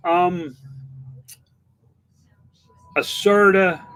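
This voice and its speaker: A man's voice: high voice, steady tone, drawn-out words, a bit bright, clean tone. A man in his fifties chatting candidly on a livestream, rambling through restarts and fillers while answering viewer comments. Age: 50s. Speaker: online seller and livestream host. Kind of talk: casual livestream chat reading viewer comments.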